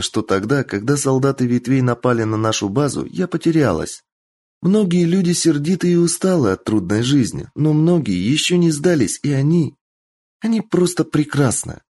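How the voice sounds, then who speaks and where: Storybook casting: man doing a cheeky young fox-spirit girl, high and bouncy, singsong and eager. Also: dark tone. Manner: bubbly, singsong, childishly eager.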